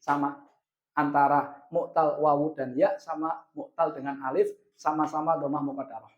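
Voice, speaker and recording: A man with an Indonesian accent teaching a grammar lesson, asking questions and answering them himself, and drawing out the example words slowly. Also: a little high, little pitch movement. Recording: echoey room, dull lo-fi sound.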